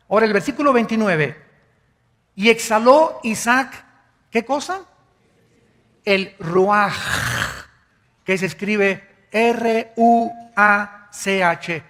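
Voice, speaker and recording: High-voiced man preaching in a reverberant hall. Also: a bit bright. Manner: emphatic teaching, spells out words slowly, asks the listeners questions. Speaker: pastor. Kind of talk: sermon.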